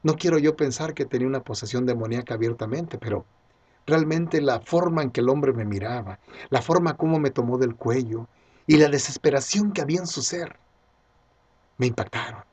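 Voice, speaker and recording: A man's voice: medium pitch, brisk, darkish tone, slightly rough. A pastor preaching a sermon, earnestly calling his listeners dear friends. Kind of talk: radio sermon.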